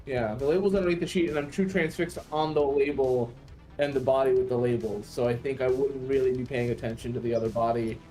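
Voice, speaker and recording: A man talking casually as a player in a tabletop game, halting and repeating words as he thinks aloud. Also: medium pitch, fairly even intonation, warm tone, low-quality recording. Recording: music behind the voice.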